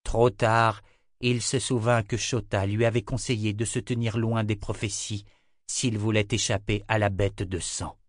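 A man reading a fantasy novel aloud in measured, scripted narration. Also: lowish voice, little pitch movement, dry recording, clean studio sound. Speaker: audiobook narrator.

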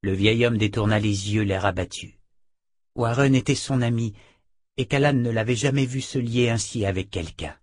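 A man reading a novel aloud in a measured, even way. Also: mid-range voice, dry recording. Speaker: audiobook narrator. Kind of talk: scripted narration.

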